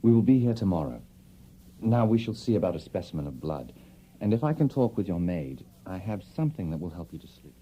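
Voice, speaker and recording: A restrained, caring Victorian doctor speaks in a low, very dark voice with lively intonation. The audio drama delivery is measured and professional, on a muffled recording. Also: male voice. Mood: solicitous. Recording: muffled recording with faint noise.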